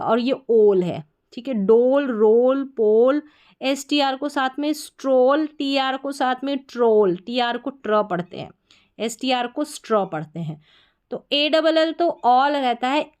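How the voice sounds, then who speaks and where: A woman from India teaching an English spelling lesson, slowly sounding out words syllable by syllable. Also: on the high side, smooth.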